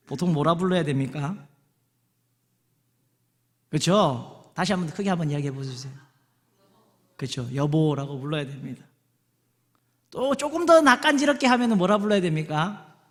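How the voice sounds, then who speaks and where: A male pastor, preaching a lively sermon and coaxing the congregation to call out and repeat after him. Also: a little high. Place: large church sanctuary. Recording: long hall reverb.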